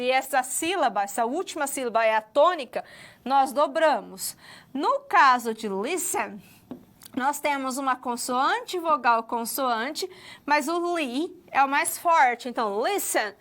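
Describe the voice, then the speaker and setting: High-pitched woman teacher, slow patient lecture delivery with frequent checks. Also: fairly bright tone. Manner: patient, drawn-out explaining, often checks understanding with "ok?". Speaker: English teacher. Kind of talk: recorded online lecture.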